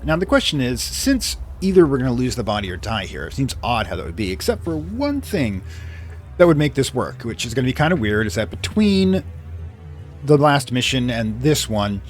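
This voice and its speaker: A man's voice: fairly low pitch, a little hiss or hum. A man doing casual game commentary, rambling and thinking aloud as he plays. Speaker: let's play commentator.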